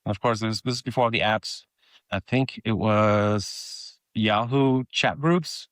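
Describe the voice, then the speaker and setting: This clean studio recording, free of echo, captures a middle-aged man from Mexico talking slowly in a low, slightly bright voice. A native Spanish speaker and podcast guest, he recounts a personal story conversationally, often pausing and beginning again.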